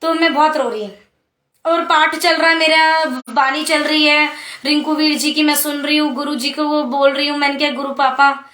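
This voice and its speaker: High, bright young woman with an echo. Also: fairly even intonation. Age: young adult. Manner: heartfelt, earnest, habitually quick-talking. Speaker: devotee sharing testimony at a satsang. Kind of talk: devotional personal testimony. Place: devotional gathering before a congregation. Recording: echoey room.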